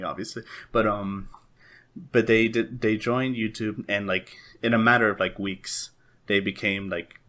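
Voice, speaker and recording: A man's voice: on the low side, fairly bright tone. A young man hosting a casual podcast chat, rambling with lots of "like" and "um". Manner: rambling, heavy use of "like" and "um". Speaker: podcast host.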